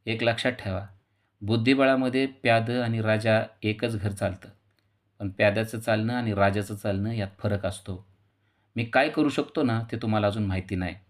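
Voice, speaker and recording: A man voicing a calm young man who delivers a low, measured threat. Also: natural voice. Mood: menacing.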